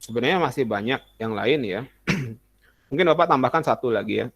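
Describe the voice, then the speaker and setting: A man's voice: medium pitch, expressive, normal speed, vocal fry, fairly bright tone, breathy edge, dry recording. A young adult male teacher giving a casual classroom lesson, chatty and full of examples, often acting out short student messages.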